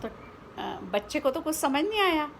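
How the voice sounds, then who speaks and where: With an Indian accent and a high voice, a woman tells a children's story informally, explaining along the way, asking small questions and slipping in English words. Her pitch swings widely, her pace is measured, and her tone is fairly bright, with faint noise behind her.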